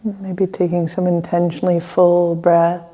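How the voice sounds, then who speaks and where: A woman guides a meditation, speaking gently in short phrases separated by long pauses. Her voice is lowish and moves little in pitch.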